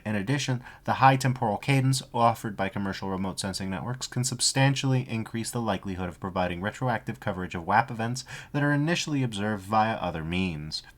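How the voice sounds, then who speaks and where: Low-voiced man reading a report aloud. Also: quick pace, hardly any pauses. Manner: reads report text flatly, breaks off for profane jokey asides. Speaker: streamer. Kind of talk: casual stream commentary reading a report aloud.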